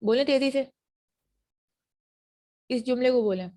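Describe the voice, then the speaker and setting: A woman's voice: high-pitched, dark tone. A woman with a Pakistani accent giving an online university phonetics lecture, explaining patiently and checking often whether students understand. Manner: explanatory, repeats English phrases slowly then fast.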